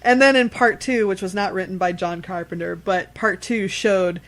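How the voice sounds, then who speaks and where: Here a female podcast co-host, medium in pitch and moderate in pace, chats casually about movies. She's blunt and salty, retelling stories with animation and circling back to the same phrases.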